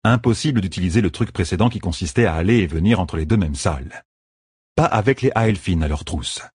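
A man narrating an audiobook chapter in a slow, measured reading. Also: low-pitched, animated, darkish tone, breathy edge, no room sound, studio quality. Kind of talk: scripted narration.

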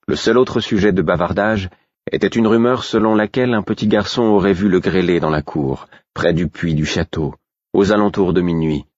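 A man narrating a story in the first person as an audiobook, with measured, even storytelling. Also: deep voice, no echo. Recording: dull, dry recording.

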